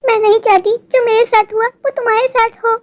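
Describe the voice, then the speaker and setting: A bald ghost witch out of a storybook, mournful and full of warnings that turn into menace, as a woman puts her on. The voice stays high. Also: level tone, fairly quick, no room sound. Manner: warning and mournful, then threatening. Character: bald vengeful female ghost witch, sorrowful. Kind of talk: storybook voice acting.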